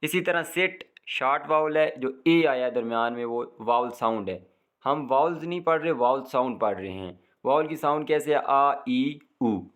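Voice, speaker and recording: Male teacher, reads English lines slowly and then explains them, steady lesson delivery. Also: mid-range voice. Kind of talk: textbook lesson, translating into Urdu.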